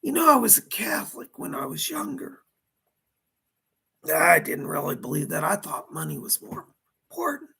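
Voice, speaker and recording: A woman as a seance medium in trance, voicing a remorseful, frightened dead male mobster in a husky, halting, anguished way that slips into whispers. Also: mid-range voice, big pitch swings, sharp tone, exaggerated voice. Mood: regretful, confessional. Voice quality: husky, breathy, creaky. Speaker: seance medium channeling a spirit. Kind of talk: seance medium trance channeling, dramatic first-person confession.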